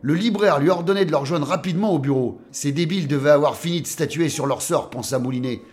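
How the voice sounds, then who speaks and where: Male storyteller, wry and slangy, slightly high voice, soft music behind. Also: fast talker. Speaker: narrator. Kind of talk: scripted narration of a detective story.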